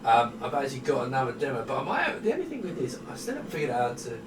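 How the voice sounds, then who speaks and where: A middle-aged man demos retro computer hardware at a desk in a small room, rambling casually and poking fun at himself off the cuff. His medium-pitched voice swoops wildly and races along very fast. A distant camera mic makes it sound roomy, with heavy background noise.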